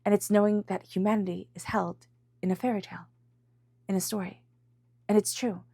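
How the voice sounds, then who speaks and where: Slightly rough and mellow, this woman's medium-pitched voice stays level and runs a little fast. Congested from a head cold, the tarot reader gives viewers an intuitive reading and repeats phrases for emphasis, in studio-quality sound with no room sound.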